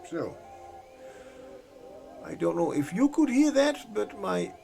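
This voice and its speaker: A man's voice: high-pitched, big pitch swings, slow, vocal fry, dark tone, faint music behind. A man chatting casually on a live painting stream, rambling and correcting himself with jokey asides into a desk microphone.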